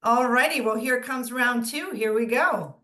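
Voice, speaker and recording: A woman's voice: on the high side, a little slow, noisy background. A woman co-hosting a webinar, chatty and giggly, playing along with game-show banter. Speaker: webinar co-host. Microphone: video call.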